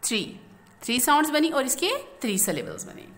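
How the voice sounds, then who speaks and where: A woman teacher explains a grammar lesson slowly, asking questions and then answering them herself. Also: high-pitched, big pitch swings, a bit bright. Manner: slow, explanatory, asks and answers own questions. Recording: echoey room.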